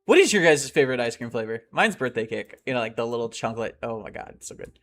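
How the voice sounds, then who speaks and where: A young man streaming a game and chatting casually with his live chat, rambling and excitable and often laughing. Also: medium pitch, fast, soft background music.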